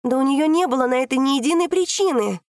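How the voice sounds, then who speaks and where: A woman voicing a desperate shouting young woman. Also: slow pace, no echo, clean studio sound. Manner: high, loud, pleading outbursts. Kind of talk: audiobook reading.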